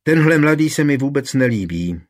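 A man's voice: mid-range voice, expressive, pitched above the performer's own voice, natural voice. Man voicing fretful devout village woman. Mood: worried. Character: anxious devout young village woman, earnest.

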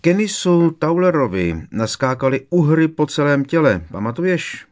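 A man's voice: on the low side, lively intonation, lightly acted. A man voicing a cheeky, mischievous teenage prankster in an audiobook, teasing and cocky. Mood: gleeful.

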